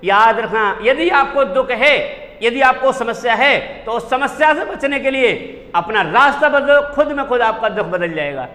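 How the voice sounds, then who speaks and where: A man's voice: very high-pitched, animated, unhurried, pushed and bright. A man teaching Hindi spelling, drilling each word and quizzing his class with repeated questions. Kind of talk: classroom lesson. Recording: long hall reverb.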